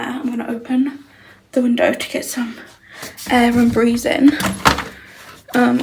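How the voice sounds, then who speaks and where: A young woman chatting casually to her vlog camera in a bedroom, thinking aloud and rambling with plenty of ums and likes. Her voice sits a little high, with a gravelly, creaky edge and a fairly flat delivery. Faint noise hums behind her. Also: roomy sound, rough recording. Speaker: vlogger. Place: bedroom indoors.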